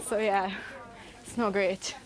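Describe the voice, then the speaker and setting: A woman's voice: mid-range voice, fairly even intonation, slow pace, poor audio. A young woman with a South Wales Valleys accent chatting casually and colloquially in an interview. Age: young adult. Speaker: pageant contestant.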